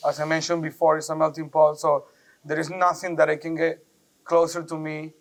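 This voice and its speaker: A man from Venezuela, a brewery co-founder, chatting as a guest in a relaxed, friendly way with casual slang. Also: a little high, brisk. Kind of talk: casual chat.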